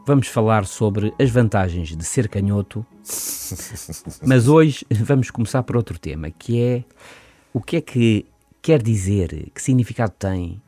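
A man with a European Portuguese accent, explaining ideas in a calm, measured way on a podcast. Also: lowish voice, husky, soft background music. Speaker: podcast author and guest commentator. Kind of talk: casual explanatory chat.

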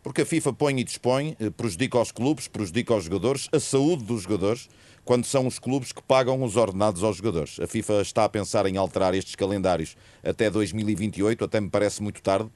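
A man with a European Portuguese accent analyses football on a panel. His voice is fairly low and closely recorded with a dry sound. He states his opinions with emphasis. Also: a little fast, darkish tone, dry recording.

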